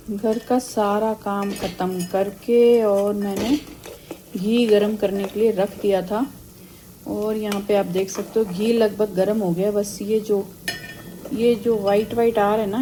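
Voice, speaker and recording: A woman's voice: mid-range voice, steady tone, a little slow, dark tone, slight background noise. A middle-aged woman chatting casually to viewers in a home vlog, homely and talkative, often calling out "chaliye ji". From India. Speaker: vlogger.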